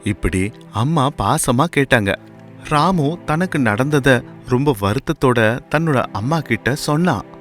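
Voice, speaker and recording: A man telling a moral story in scripted, measured storytelling narration. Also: medium pitch, animated, a bit bright, soft background music.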